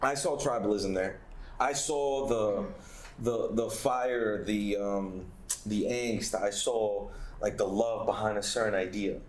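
A man's voice: fairly low pitch, steady tone, takes it slowly. A young man in a casual group discussion, telling a story emphatically with many restarts. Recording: echoey room with faint background noise.

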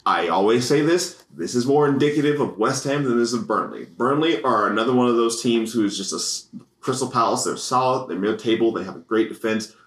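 An American man co-hosting a casual sports podcast, rambling and excitable, laughing often. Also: medium pitch, brisk. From United States. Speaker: podcast co-host. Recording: echoey room.

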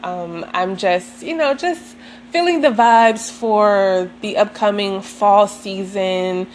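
A woman chatting casually and unscripted to viewers in a reflective, meandering, gently self-affirming way, as a vlogger does. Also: medium pitch, takes it slowly, a little hiss or hum, low-quality recording. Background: soft sentimental music.

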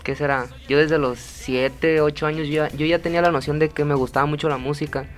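Teen guy from sonora rambling about how he got into music, slightly high voice, faint music. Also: fairly quick. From Ciudad Obregón, Sonora, Mexico. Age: teens. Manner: relaxed, rambling, casual. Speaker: guest singer.

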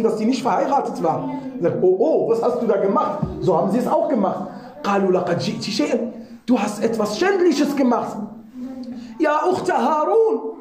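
A woman giving a lively religious lesson, asking her listeners rhetorical questions and reciting Arabic scripture quickly. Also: on the high side. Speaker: religious teacher. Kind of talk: religious lesson to a small audience. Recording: echoey room.

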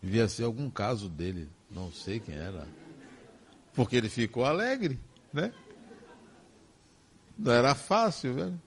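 Older Brazilian man telling a lively story. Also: medium pitch, a little hiss or hum. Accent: Brazilian Portuguese. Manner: emotive storytelling with slow, emphatic phrasing. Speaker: spiritist speaker. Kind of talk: personal testimony talk.

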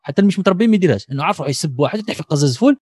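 Man, Algerian accent, very fast speech, animated, argumentative, dry close recording. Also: a little high, husky, no echo. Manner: animated, argumentative, many examples. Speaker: discussion participant. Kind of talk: casual panel discussion.

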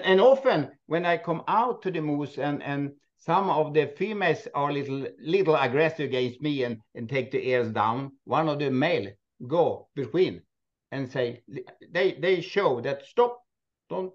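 A Swedish man who owns a moose park, speaking halting, non-native English with many restarts and frequent laughs in a casual interview. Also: a little high, expressive, lo-fi sound. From Sweden. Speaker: moose park owner, guest.

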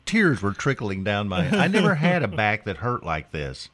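A man's voice: fairly low pitch, huge pitch swings, moderate pace, a bit bright. A man hosting a morning radio show with wry, teasing, casual storytelling and comic banter.

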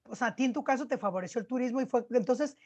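A woman's voice: a little high, racing, darkish tone, breathy edge. A woman hosting a podcast, asking questions in a conversational way. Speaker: podcast host. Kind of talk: interview questions.

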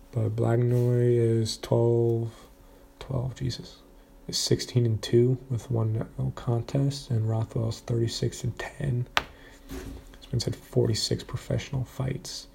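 A man with a gravelly, mellow voice talks through upcoming fights in a loose, casual monologue. He hesitates often, restarts his sentences and plays down his own expertise, in an even, flat delivery. A faint noise sits behind him. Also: medium pitch. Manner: hesitant, many fillers and restarts, self-deprecating. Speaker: fight predictions commentator.

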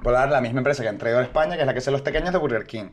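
A man's voice: mid-range voice, racing. A man with a Venezuelan accent, a podcast co-host telling a comic anecdote and acting out the people in it. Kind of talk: casual comedic storytelling.

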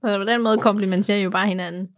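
A woman's voice: medium pitch, steady tone. A woman co-hosting a podcast in casual chat, teasing her co-host with playful questions.

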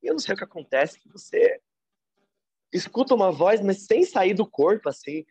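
A man with a Brazilian Portuguese accent, a podcast guest telling a personal story in a reflective, animated way. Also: normal speed, slightly rough, no room sound. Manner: animated, reflective storyteller with big pitch swings.

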